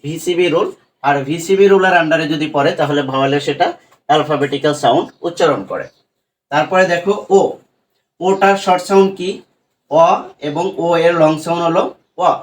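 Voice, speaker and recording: A man's voice: on the high side, fairly quick. A man teaching English pronunciation rules, posing questions to the learner and answering them himself. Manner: asks questions and answers them himself, addresses viewers directly. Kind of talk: spoken tutorial lesson.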